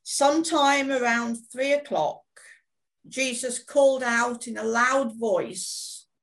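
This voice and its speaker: Slow, deliberate female narrator. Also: fairly high pitch. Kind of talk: scripted scripture narration.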